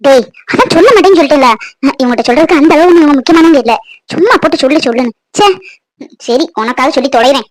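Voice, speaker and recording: A woman's voice: high voice, lightly acted. A woman playing a haughty, snobbish mother-in-law. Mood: grudging. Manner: dismissive, scolding, fast-talking. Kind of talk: family drama skit.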